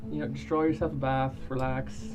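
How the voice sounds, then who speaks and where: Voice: mid-range voice, flat delivery, fairly quick. A tabletop game player improvising in character casually, with a dry, joking, reassuring manner. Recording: music playing behind the voice.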